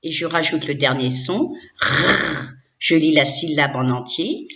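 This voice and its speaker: A woman's voice: sits low, animated, normal speed, fairly bright tone. A woman teacher giving a recorded reading lesson to young children, sounding out syllables one by one and having the listener repeat them.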